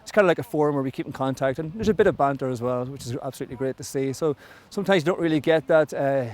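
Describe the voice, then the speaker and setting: An Irish man in a documentary interview, telling in a relaxed, plainspoken way how his club got started. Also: medium pitch, rapid-fire. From Ireland. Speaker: club player.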